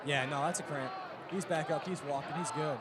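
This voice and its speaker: Male colour commentator, high voice, conversational live football analysis, loud crowd all around. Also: steady tone, brisk. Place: outdoor football stadium. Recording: noisy outdoor stadium, loud crowd.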